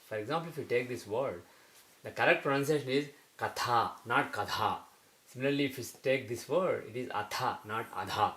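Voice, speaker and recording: A man teaching a lesson, explaining carefully and slowing down to sound out example words. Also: medium pitch, a bit bright, rough recording.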